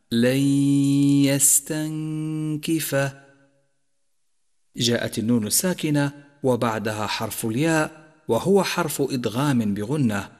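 A man teaching Quran recitation rules, explaining each rule in a measured voice and reciting verses slowly and melodically. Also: mid-range voice, breathy edge, in a large hall. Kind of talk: tajweed lesson.

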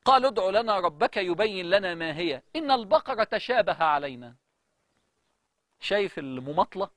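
Man, Egyptian accent, preacher, high lively voice, fast, dry close sound. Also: no echo. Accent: Egyptian Arabic. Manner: animated, dramatic recitation of verses. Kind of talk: lively religious talk.

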